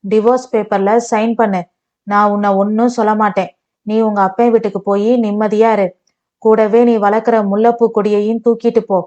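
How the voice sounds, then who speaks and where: A woman's voice: mid-range voice, level tone, moderate pace, darkish tone, dull audio, natural voice. A woman doing a sneering angry husband. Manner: mocking, accusing. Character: bitter sarcastic husband, young adult man.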